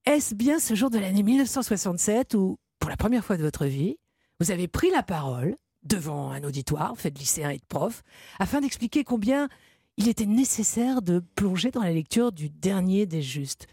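A woman's voice: medium pitch, sing-song, moderate pace, dark tone, slightly rough, dry recording, studio quality. A woman hosting a radio interview, asking long, elaborate questions with occasional hesitations.

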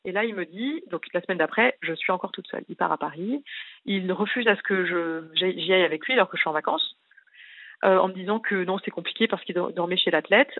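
A woman's voice: on the low side, fast, dry recording. A distressed woman calling in to a radio show, telling a long story in a rambling way full of details. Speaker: caller. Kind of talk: call-in radio confession. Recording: tinny phone line.

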